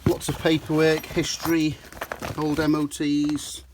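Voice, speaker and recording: Filmed on a handheld camera inside a motorhome as it rains outside, a UK man who deals in and reviews motorhomes talks viewers through the vehicle, calling them folks. His slightly high voice is completely flat and a little slow, and the background is noisy.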